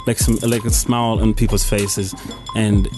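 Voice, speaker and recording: Young guy from uganda, musician on a radio show, lowish voice, keeps restarting, music going behind him. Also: little pitch movement, moderate pace. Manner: hesitant, full of "you know" and restarts. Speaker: musician guest. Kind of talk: radio interview. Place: radio studio.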